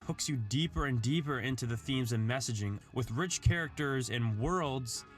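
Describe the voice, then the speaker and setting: Over background music, a man with a mid-range, slightly bright voice reads an earnest, articulate scripted narration like a video essay.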